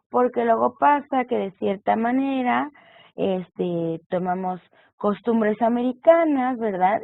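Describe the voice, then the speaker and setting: In a recorded online lecture with tinny, phone-like sound, a woman teaches punctuation and text structure by working through examples. She speaks in a mid-range voice, and the recording has no echo.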